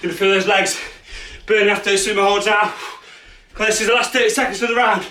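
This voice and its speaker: A man's voice: sits high, steady tone, fast talker, pushed and bright, a little hiss or hum. Breathless man coaching a workout. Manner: urgent encouragement and countdowns while exercising. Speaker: fitness instructor. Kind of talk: follow-along workout coaching. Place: small space at home. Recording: echoey room, far from mic.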